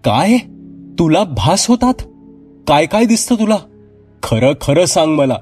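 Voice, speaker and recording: A man's voice: mid-range voice, animated, unhurried, husky, faint music behind. A man voicing an older village mother who speaks in a weary, tender way and breaks into alarmed cries.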